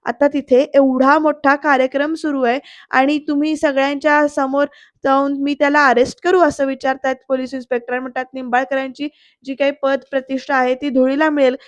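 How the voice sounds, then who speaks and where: A woman's voice: high-pitched, little pitch movement, a little fast, dry recording. A woman narrating a voice-over review of a TV serial episode, retelling the scenes and quoting each character's lines in turn.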